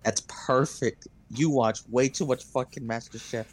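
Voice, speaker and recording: A young man co-hosting a podcast in casual chat, full of quick, profane, joking banter. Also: medium pitch, fairly even intonation. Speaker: podcast co-host.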